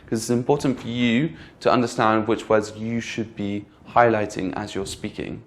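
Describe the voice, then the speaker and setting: A man teaching an online English pronunciation lesson, patiently repeating example words and slowing down to show which words carry stress. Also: fairly low pitch, steady tone.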